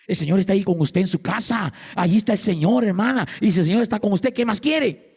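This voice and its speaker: A man's voice: sits high, quick pace, darkish tone, slightly rough. A male pastor with a Salvadoran Spanish accent, preaching an impassioned sermon and calling out to the congregation with repeated refrains. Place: large church sanctuary. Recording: long reverb of a church hall.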